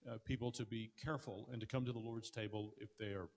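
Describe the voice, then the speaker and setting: Pastor guy rattling off answers quick and earnest, lots of restarts, big echoey hall. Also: on the low side, fairly even intonation, darkish tone. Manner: fast, earnest, with frequent restarts. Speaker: pastor answering audience questions. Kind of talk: conference Q&A answers. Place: large hall with an audience. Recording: long reverb of a large hall.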